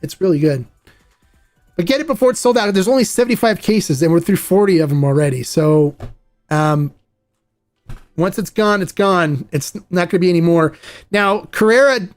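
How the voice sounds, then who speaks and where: A man hosting a casual podcast, with a voice that sits a little higher than most men's. He rambles along with playful enthusiasm, and faint music plays behind him. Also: normal speed. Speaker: podcast host. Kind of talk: casual chat.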